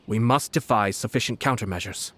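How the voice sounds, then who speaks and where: A male actor as a refined young commissioner in a video game. He is courteous, measured and calmly authoritative. There is slight noise behind the voice. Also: lowish voice, natural voice. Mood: resolute.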